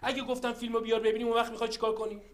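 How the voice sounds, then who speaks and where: A man's voice: extremely high pitch, level tone. A man playing a skeptical, blunt office colleague in a TV drama. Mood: indignant. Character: wary male colleague, proud of his reputation. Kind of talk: TV drama acting.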